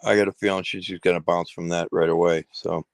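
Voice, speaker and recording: A man's voice: deep voice, flat delivery, brisk, no room sound. A man co-hosting a casual chat, wary and doubtful, trailing off into restarts as he plans his next call. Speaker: co-host.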